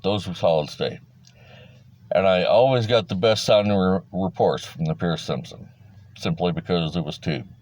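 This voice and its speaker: Speaking at a moderate pace in a deep, slightly mellow voice, this middle-aged man gives an informal, rambling explainer. He's a hobbyist presenter with a folksy, plain-spoken manner aimed at fellow enthusiasts.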